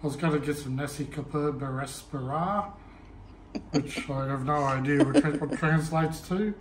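A man's voice: fairly high pitch, moderate pace, slight background noise. A man, chatting casually and chuckling as he talks in a travel vlog. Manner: relaxed, chuckling. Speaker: travel vlogger.

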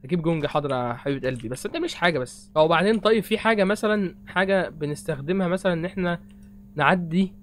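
A man's voice: on the high side, animated, fast talker, slight background noise. A young Egyptian man hosting a horror game playthrough, rambling and joking nervously. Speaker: gaming host.

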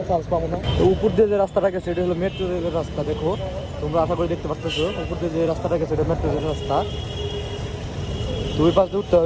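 A young man from Bangladesh chatting casually to his viewers as he walks around a city and a campus, joking about himself and calling them guys. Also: a little high. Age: young adult. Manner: chatty, self-mocking, addresses viewers as guys. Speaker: vlogger. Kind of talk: casual walking vlog. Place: outdoors on busy city streets and campus. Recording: loud traffic noise behind.

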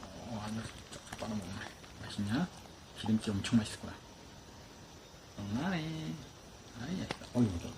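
A man's voice: lowish voice, lively intonation, moderate pace, long pauses. A man talking casually to his pet dogs in cooing baby talk as he feeds them. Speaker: dog owner vlogger. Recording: clear background noise.

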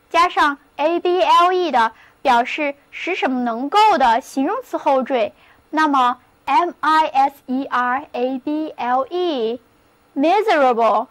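A woman teaching English vocabulary in a recorded lesson, spelling words out slowly and drilling read-after-me practice. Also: high-pitched, fairly bright tone. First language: Chinese.

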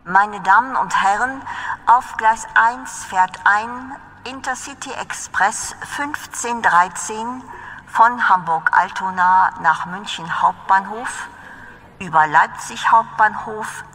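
A woman voicing a railway announcer, making flat, formal, measured platform announcements. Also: mid-range voice. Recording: long reverberant station PA.

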